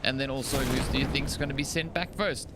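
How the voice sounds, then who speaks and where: A man's voice: medium pitch, steady tone, brisk, heavy background noise. A man casting a mobile battle royale tournament alone on a live stream, chatty and rambling, with lots of fillers and laughs at his own slips. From Africa. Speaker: esports caster. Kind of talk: solo live stream commentary.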